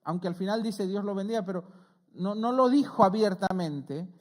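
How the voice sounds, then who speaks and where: A middle-aged man, a pastor preaching a conversational sermon who often checks in with his listeners and rises in pitch and volume when he quotes scripture. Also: moderate pace. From Argentina. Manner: earnest, conversational preaching with frequent "¿sí?" check-ins.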